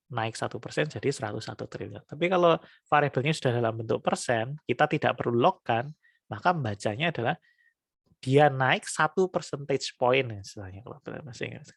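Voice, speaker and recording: A man lecturing on economics in a relaxed, conversational way, dotting his explanations with little tag words. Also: mid-range voice, dry recording, studio quality. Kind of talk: recorded lecture.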